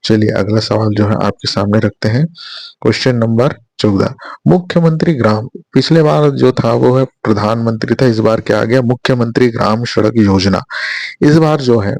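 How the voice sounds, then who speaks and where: A man's voice: medium pitch, moderate pace, gravelly, a little mellow, dry recording. A man teaching an exam prep lesson, quizzing listeners with repeated questions and checking in often. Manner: repetitive quizzing, rhetorical questions, frequent "thik hai".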